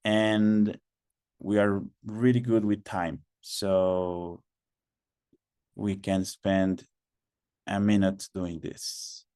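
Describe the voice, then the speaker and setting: Slow man hosting a webinar. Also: fairly low pitch, flat delivery, dark tone, clean tone, no echo, studio quality. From Mexico. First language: Spanish. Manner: patient, repeats instructions, many fillers. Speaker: webinar host. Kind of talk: online webinar moderation. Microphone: video call.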